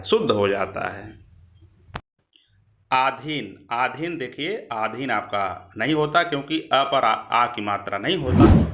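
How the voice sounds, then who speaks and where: A man's voice: medium pitch, bright, forceful tone. A man teaching a grammar lesson for exam preparation, explaining patiently and stressing and repeating words. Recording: echoey room, dull lo-fi sound.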